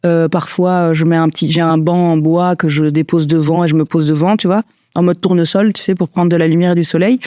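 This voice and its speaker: A woman's voice: fairly low pitch, fairly even intonation, a little fast, mellow, dry recording. Woman, 40s, thoughtful guest, hesitant and rambling, dead-dry close sound. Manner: hesitant, many fillers and restarts. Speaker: guest, stylist and entrepreneur. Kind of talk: reflective casual conversation.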